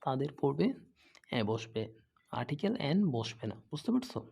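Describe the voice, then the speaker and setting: A man's voice: medium pitch, big pitch swings, moderate pace, creaky, a little mellow, slightly rough. A man teaching English grammar who explains patiently, asks questions and answers them himself, and often checks "okay?". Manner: patient, repeats examples, frequent "okay?" checks. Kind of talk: explaining lesson, asking and answering own questions.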